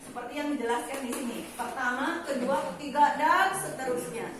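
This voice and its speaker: A woman teacher talks through a lesson with a high, lively voice, slowing down to lean on the words she wants pupils to catch. She sounds a little off-mic, and a strong room echo surrounds every phrase. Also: noisy background. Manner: animated, stresses key words slowly. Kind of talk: online class lesson. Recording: very echoey room, voice from far off.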